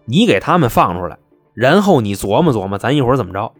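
A man's voice: mid-range voice, very animated, fast, breathy edge, faint music behind. A man voicing a male police negotiator who talks in a soothing, wheedling way. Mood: placating.

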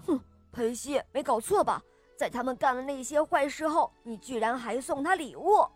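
A woman's voice: high-pitched, normal speed, faint music behind. A woman voicing a haughty, proud big steam engine in a children's story, huffing with scorn. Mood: scornful.

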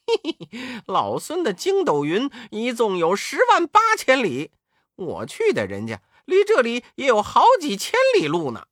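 A woman doing a chuckling monkey king, mischievous and quick, voice bouncing all over; dry, close storybook recording. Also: on the high side, huge pitch swings, no room sound, exaggerated voice. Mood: teasing. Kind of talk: storybook character voice.

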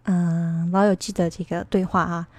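A woman's voice: fairly low pitch, flat delivery, normal speed, darkish tone. A woman from China teaching English in a casual online lesson, rambling and explaining at length.

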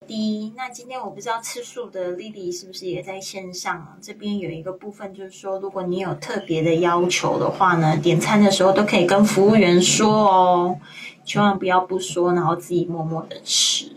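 A woman's voice: mid-range voice, steady tone, a little fast, a little hiss or hum. Woman teacher, slightly distant mic. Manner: explanatory, gentle reminders, spells out vocabulary usage. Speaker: English teacher. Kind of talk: online language lesson.

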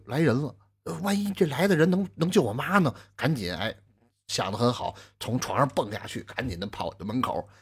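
Animated husky storyteller man. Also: mid-range voice. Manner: animated, asides to the listener. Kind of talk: traditional storytelling narration.

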